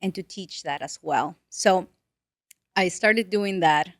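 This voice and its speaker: Taking it slowly in a voice on the low side, a woman from Peru in her late twenties, a native Spanish speaker, shares her story as a guest financial advisor. Her casual interview storytelling is earnest and animated, with restarts. The recording is dry.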